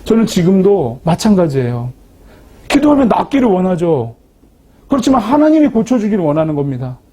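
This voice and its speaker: Husky man telling a story. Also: high voice, brisk. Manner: lively, self-mocking storytelling. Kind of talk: storytelling testimony talk.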